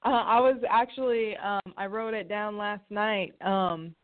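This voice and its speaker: A woman's voice: medium pitch, fairly even intonation, a little slow. A woman co-hosting a casual chat, giggly and a little hesitant. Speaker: co-host. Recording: thin phone-like audio.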